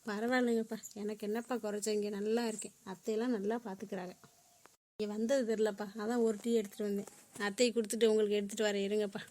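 A woman voicing a caring young daughter-in-law in a home-made cartoon, gentle and polite. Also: medium pitch, little pitch movement, fast, close to an everyday voice. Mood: warm.

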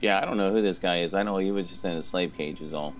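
A man's voice: deep voice, quick pace, faint music behind. A man casually commenting on a fantasy game as he plays, laid-back and swearing. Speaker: let's play host.

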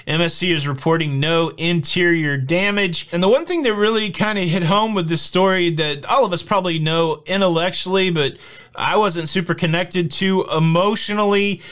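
A man in his forties hosts a casual news vlog from a home studio lined with shelves of collectibles. His voice sits high and is a bit bright, at a moderate pace, and he talks in a chatty, upbeat, jokey way with plenty of fillers.

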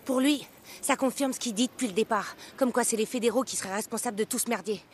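An actress playing a chatty, excitable camp bounty clerk in a video game, with a slangy, gossipy delivery. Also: female voice, fairly high pitch, fast talker, a little hiss or hum, natural voice. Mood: excited gossip.

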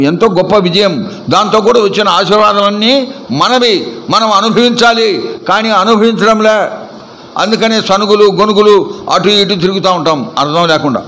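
A man's voice: high-pitched, fairly bright tone, rough recording. A male pastor preaching a sermon at a church service. He is emphatic and keeps quizzing the congregation with repeated questions.

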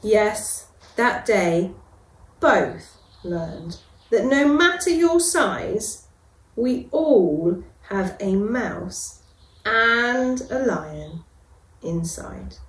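In an echoey classroom indoors at school, a middle-aged woman who teaches reception reads a picture book aloud to the children. She uses her mid-range voice gently and expressively, pausing for dramatic effect.

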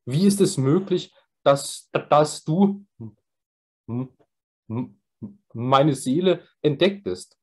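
A man voicing a troubled young man who speaks in a pleading, halting way with small stumbles. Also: on the high side, animated, a little mellow, husky, pitched above the performer's own voice, full character voice. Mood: astonished.

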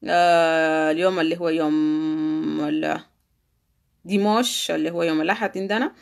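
A woman teaching French in a live online lesson. She repeats phrases slowly for drilling, then chats quickly with viewers between them. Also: sits low, fairly even intonation, gravelly. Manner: slow, deliberate repetition of phrases for drilling; quick, conversational asides with fillers.

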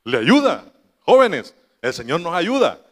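Man, preacher, high voice, storytelling sermon, long echoey hall. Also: big pitch swings, unhurried. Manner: storytelling, quoting his mother, laughing asides. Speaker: pastor.

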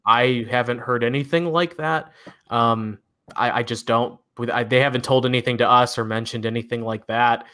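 Man, midwestern accent, bright forceful voice, enthusiastic casual car talk, lots of fillers. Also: mid-range voice, steady tone, normal speed, smooth. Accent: Midwestern American. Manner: chatty, enthusiastic, frequent fillers and laughs. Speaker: co-host of a car news show. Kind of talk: casual news recap chat.

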